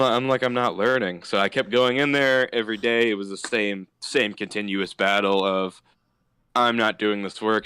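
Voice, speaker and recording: A man's voice: lowish voice, clean tone, no room sound. Young man telling wild school stories. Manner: animated, laughs at his own stories. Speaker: podcast host. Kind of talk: casual storytelling.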